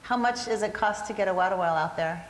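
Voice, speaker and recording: A woman's voice: medium pitch, fast, echoey room, in a large hall, poor audio. A woman co-hosting a morning TV show, asking her guest eager questions during a live interview before an audience.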